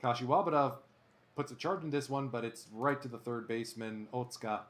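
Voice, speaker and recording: A man's fairly quick, medium-pitched voice carries lively sportscaster-style play-by-play as he streams a baseball video game. Between plays he turns to chat with his viewers.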